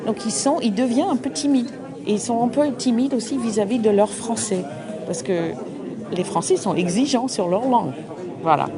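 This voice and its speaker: Answering interview questions in English amid the crowd noise of a busy open day, a middle-aged American woman from an association speaks with a voice on the high side. She is halting, often restarting as she looks for the right words.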